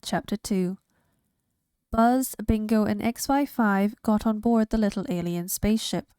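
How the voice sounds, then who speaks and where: Lady reading a kids' book out loud, really slow and clear, dry close sound. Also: medium pitch, dry recording. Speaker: reader. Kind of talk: reading a children's picture book aloud.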